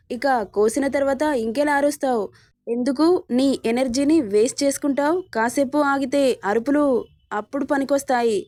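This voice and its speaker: A woman's voice: sits high, darkish tone, no room sound, studio quality, lightly acted. A woman voicing a vengeful young man who taunts and threatens his captive in a read-aloud story. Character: vengeful young man, hero, cold and menacing.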